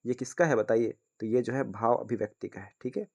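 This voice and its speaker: Reading quiz questions aloud in a relaxed exam-prep session, this teacher speaks briskly in a mid-range voice with a darkish tone and clipped highs. He calls his viewers friends and checks in often, repeating "ठीक है ना."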